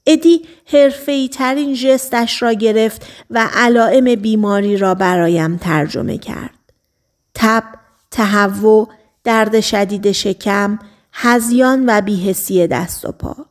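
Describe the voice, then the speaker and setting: A woman narrating a novel as an audiobook, in measured storytelling that slows on key phrases. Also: medium pitch. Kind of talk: scripted narration.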